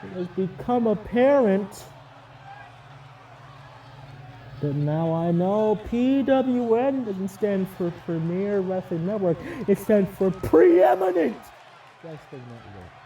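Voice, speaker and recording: A man's voice: sits high, sing-song, gravelly, dark tone, full character voice. A man playing a pompous, arrogant king of pro wrestling, giving a grandiose, theatrical promo speech. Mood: triumphant. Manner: pompous, grandiose, deliberate pauses. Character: pompous self-proclaimed king, arrogant male wrestling villain. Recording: distant mic, noisy arena crowd.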